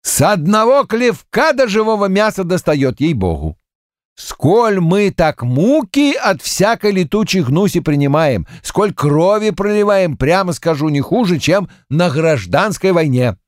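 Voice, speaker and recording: A man's voice: high-pitched, sing-song, a little slow, no room sound, studio quality, voice pushed up. A man voicing a crafty, weathered Cossack farmer who spins boastful, mock-aggrieved tales. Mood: folksy.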